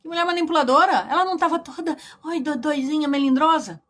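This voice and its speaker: A woman's voice: high voice, quick pace. Chatty Brazilian woman teaching a workshop. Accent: Brazilian Portuguese. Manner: lively, chatty, addresses the audience directly.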